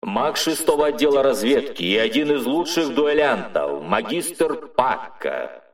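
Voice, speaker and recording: A man's voice: mid-range voice, sing-song, measured pace, pitched above the performer's own voice. A man reading an audiobook voices a male tournament announcer whose voice is magically amplified, declaiming formal announcements to the crowd. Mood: announcing. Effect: magically amplified voice, roomy and distant. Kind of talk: audiobook narration with voiced characters.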